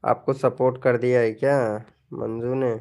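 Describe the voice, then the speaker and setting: A man's voice: medium pitch, little pitch movement, a little slow, gravelly, dark tone. A man hosting a casual live stream, playfully teasing viewers as he reads their messages. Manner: playful, teasing, chuckling often.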